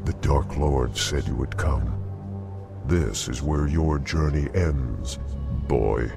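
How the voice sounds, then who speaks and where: A man playing a menacing undead villain in a video game, with slow, ominous dark-lord pronouncements and a gravelly voice. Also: very deep voice, exaggerated voice. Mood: menacing, doom-laden. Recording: music behind the voice.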